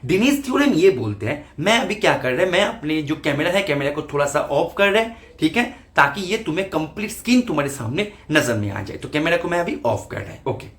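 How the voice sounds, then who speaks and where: A man's voice: fairly high pitch, big pitch swings, a little fast, few pauses, fairly bright tone. A man teaching maths in an online exam-prep lecture, walking students through each step by asking and answering his own questions.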